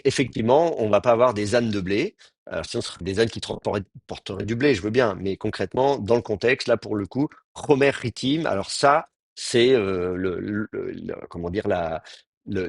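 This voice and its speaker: A man's voice: fairly low pitch, vocal fry, no echo, studio quality. A man teaching a grammar class, explaining patiently and often restarting his sentences. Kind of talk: Hebrew grammar lecture.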